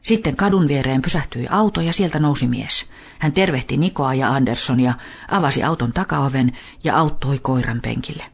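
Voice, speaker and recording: A man reading a children's story aloud in a calm, even style. His voice is husky and airy, set at a middle pitch.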